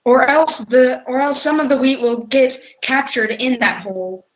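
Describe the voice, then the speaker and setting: Higher-voiced woman giving orders, lo-fi. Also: moderate pace. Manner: bossy, corrects and interrupts often. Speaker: co-host giving instructions. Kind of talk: casual game tutorial chat. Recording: dull lo-fi audio.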